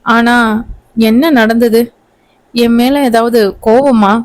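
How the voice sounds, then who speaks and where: A woman's voice: on the high side, steady tone, takes it slowly. A woman voicing a timid, tearful young bride. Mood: timid, pleading. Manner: pleading, soft-spoken.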